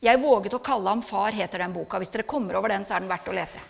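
A woman's voice: mid-range voice, vocal fry, slightly rough. A middle-aged woman giving an earnest, reflective personal testimony in a sermon, hesitating with fillers, then building to emphatic passages. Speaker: speaker giving a church testimony. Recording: long hall reverb.

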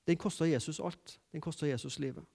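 A man preaching a sermon, emphatic, repeating key phrases and swinging between loud declarations and quiet asides. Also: fairly high pitch, creaky, slightly rough. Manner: emphatic, repeats key phrases, rises and drops sharply in loudness.

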